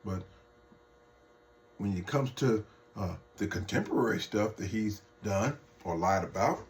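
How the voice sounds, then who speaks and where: A man's voice: on the low side, unhurried, slight background noise. Man ranting heatedly to his viewers. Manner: heated, mocking and profane; talks straight to viewers as folks. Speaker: political vlogger. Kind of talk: off-the-cuff political rant.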